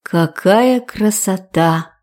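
A woman voicing an older female mentor who is stern but motherly, speaking in a measured, firm way. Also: on the low side, dark tone, lightly acted.

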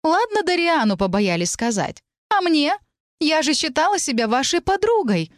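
An indignant young woman with a clear, ringing voice pitches her complaints very high, as a woman narrator plays her. She sounds reproachful and pouting. The recording is dry and close. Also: big pitch swings, moderate pace, no room sound.

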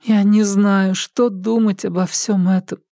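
A man's voice: sits high, little pitch movement, measured pace, warm tone, no room sound, studio quality, voice pushed up. A man voicing a jittery, pleading young woman. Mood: anxious. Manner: pleading, insistent questioning. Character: anxious, impulsive young woman.

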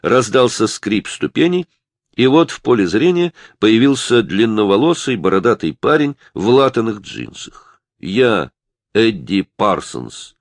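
A man reading a detective novel aloud as narrator, with lively storytelling delivery. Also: medium pitch, normal speed, no echo, clean studio sound. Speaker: audiobook narrator.

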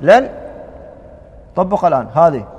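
A man teaching a grammar class, drilling students with quick questions and repeated verb forms. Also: on the high side, big pitch swings, in a large hall, muffled recording.

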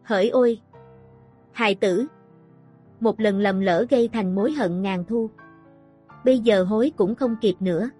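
A woman's voice: medium pitch, unhurried, pauses often, warm tone, breathy edge, soft background music. A woman voicing a blind, broken old male prisoner who speaks with sorrow and regret. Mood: grieving. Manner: sorrowful, sighing.

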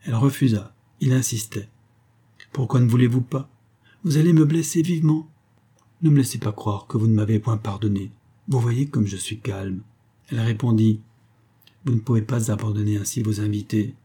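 Man, audiobook narrator, dark mellow tone, slightly husky, measured literary reading. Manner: calm, measured reading, voicing dialogue with lifts of pitch.

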